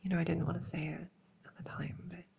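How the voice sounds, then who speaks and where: Casting: a woman to play an awkward, soothing elf girl, whispered ear cleaning ASMR role-play, mellow and lowish, unhurried rambling delivery. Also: little pitch movement, slight background noise. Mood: soothing, sympathetic. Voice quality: breathy, soft. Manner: hesitant, rambling, gently soothing. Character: nerdy, friendly, awkward young female elf cleaning ears.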